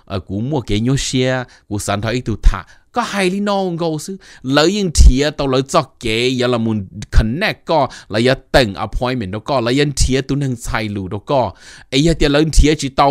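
A middle-aged man hosting a casual informational talk, animated and mixing in English terms. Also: medium pitch, no room sound, clean studio sound. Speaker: host giving advice.

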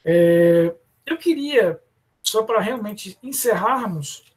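Husky Brazilian man giving a law lecture. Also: sits high, lively intonation. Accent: Brazilian Portuguese. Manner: addresses students by name, many fillers and restarts; slows down to stress terms. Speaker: law professor. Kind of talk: live online law lecture.

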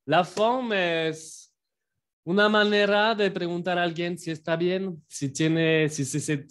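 A man from France, teaching phrases in a patient online lesson and repeating each phrase slowly for learners. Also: fairly high pitch. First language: French. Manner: writes on a board while explaining. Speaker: French teacher.

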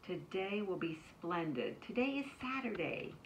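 A woman's voice: mid-range voice, very animated, a little slow, voice pushed up. A woman reading a storybook aloud, voicing a worried but loving young mother who reassures her daughter and later grows weary and apologetic. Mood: reassuring. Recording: distant mic, faint background noise.

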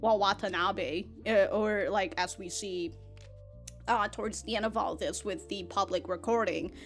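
A woman in her twenties reacts to anime in a small room with an anime backdrop, her mid-range voice steady and a bit bright at a moderate pace, soft music playing. Positioned close to a large foam-covered studio mic, she keeps the review chat casual and rambling, laughing often, swearing, and repeating words.

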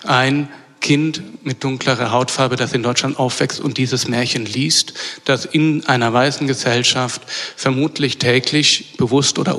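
A man delivers an academic lecture at an ordinary middle pitch. He speaks in a measured way, pausing on fillers and correcting himself mid-phrase. A long reverb of a lecture hall follows every word. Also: fairly bright tone. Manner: measured, with frequent hesitation fillers and self-corrections.

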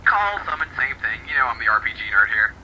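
A man's voice: medium pitch, sing-song, quick pace, bright, forceful tone. Laid-back young man on noisy voice chat. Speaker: gaming partner. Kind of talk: casual gaming chat. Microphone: voice chat mic.

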